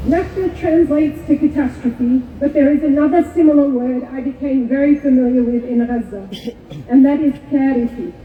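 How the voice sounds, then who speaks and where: A woman born in Kuwait giving a measured, solemn prepared speech to an outdoor rally. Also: high-pitched, a little hiss or hum. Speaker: rally speaker. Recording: echoey far-off PA with tinny sound.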